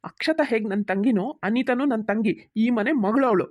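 A woman voicing a grown son and husband in a cartoon, who questions firmly and quickly. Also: fairly high pitch, dry recording, highs cut off, lightly acted.

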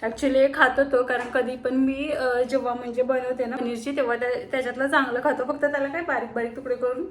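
A woman's voice: sits high, flat delivery, a little fast, hardly any pauses. A young woman, vlogging at home and talking to her baby in coaxing, sing-song baby talk. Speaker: vlogger and mother. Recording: echoey room with faint background noise.

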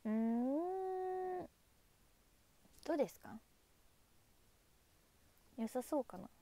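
A woman's voice: on the high side, sing-song, measured pace, vocal fry, warm tone, breathy edge, no echo. A young woman chatting casually on a livestream, thanking viewers by name and saying goodnight. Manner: chatty, reads viewer names and thanks them, waves goodbye. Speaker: idol livestreamer.

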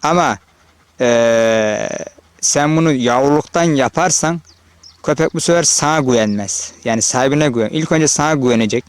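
Out on an open hillside pasture, a man from Turkey films himself with his own handheld or body-worn camera, casually narrating for his viewers. His medium-pitched voice has no room sound, and he talks to the audience in a chatty way while calling to the animals.

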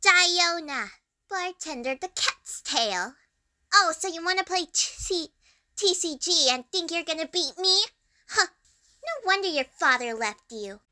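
A scornful, sassy cat-girl bartender from a game, put on by a woman switching impression voices. The voice is high, girlish and sharp. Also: animated, unhurried, heavily acted.

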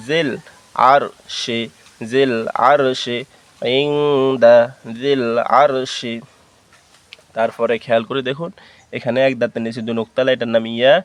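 Male reading teacher, even monotone, smooth clear tone, drills letters then joins syllables slowly. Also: medium pitch. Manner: spells out letters and vowel marks, then blends them slowly. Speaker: Quran recitation teacher. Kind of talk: slow syllable-by-syllable Quran reading lesson.

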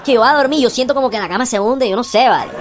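A woman fan-dubbing a cartoon in a low, joking voice, with a Caribbean Colombian accent. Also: racing. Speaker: fan dubber. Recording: music and crowd noise behind.

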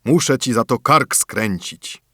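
A man voicing a menacing male giant spirit, speaking slowly and loudly in an audiobook fairy tale. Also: dry recording, studio quality. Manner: slow, loud and booming.

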